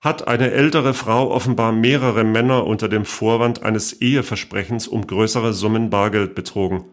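A man's voice: on the low side, steady tone, normal speed, lightly acted. A man voicing a radio newsreader who reads a police report in a plain, matter-of-fact way. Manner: matter-of-fact bulletin reading.

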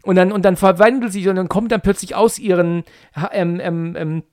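A man in casual podcast chat, excitedly retelling a film plot, full of fillers and restarts. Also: high voice, moderate pace, no room sound, studio quality. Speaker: podcast co-host.

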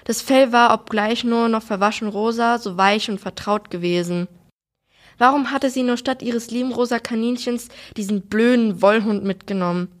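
A woman reads a children's novel aloud in a steady storytelling voice. Her voice sits a little high and keeps an even, gentle flow. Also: normal speed.

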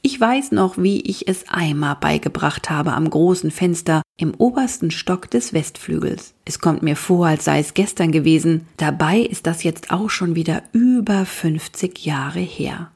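A woman narrating a children's story in the first person, lively and expressive. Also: low voice, measured pace, gravelly, few pauses, slightly rough. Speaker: audiobook reader.

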